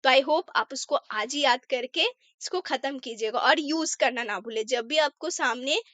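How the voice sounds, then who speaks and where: A woman's voice: high-pitched, a bit bright, no echo. Woman tutor explaining words in Hindi, repeating them often, dry close recording. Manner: repeats words, slow careful English example sentences. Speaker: English teacher. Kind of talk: casual Hindi vocabulary lesson.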